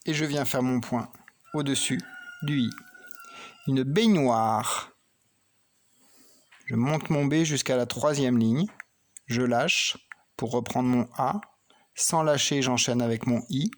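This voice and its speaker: A man's voice: mid-range voice, steady tone, unhurried. A man teaching a child to read and write, patiently talking through each pen stroke and spelling words letter by letter. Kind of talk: slow handwriting and phonics lesson for children.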